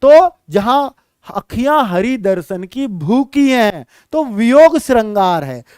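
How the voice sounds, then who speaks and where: A man teaching a Hindi exam-prep lesson, reciting verse lines slowly and then explaining them, often calling his students "beta". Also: very high voice, sing-song, a little mellow, clean tone, no room sound, studio quality.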